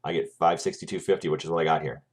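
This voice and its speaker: A man's voice: rumbling low, steady tone, racing, husky. A man teaching a math lesson over a screencast, talking through each calculation step by step and often checking in with "right?".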